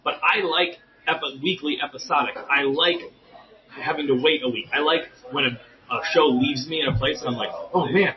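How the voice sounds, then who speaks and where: A man talking informally about comic books as a podcast guest, halting a little and repeating his phrases. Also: on the high side, fairly even intonation, lo-fi sound, crowd noise.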